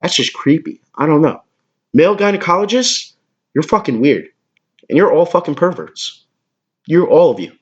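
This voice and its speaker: A man ranting crudely and mockingly as a comedy podcast host, with a husky voice. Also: on the high side, sing-song, normal speed, pauses often. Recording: dull lo-fi recording.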